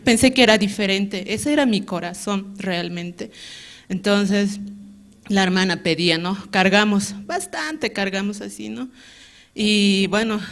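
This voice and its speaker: Her voice is medium in pitch and fairly bright. She's a church member with a Bolivian Spanish accent, giving an earnest, candid personal testimony in which almost every phrase closes with an inquiring "¿no?".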